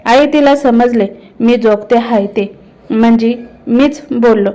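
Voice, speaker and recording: A woman's voice: fairly high pitch, slow pace, mellow, low-quality recording. Woman reading as an ashamed village husband. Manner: rustic village speech.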